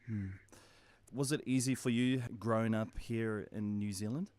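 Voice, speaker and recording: A man hosting a radio interview, introducing his guest and asking brisk, friendly questions. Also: on the low side, steady tone, a little mellow, smooth, no echo. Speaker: radio host.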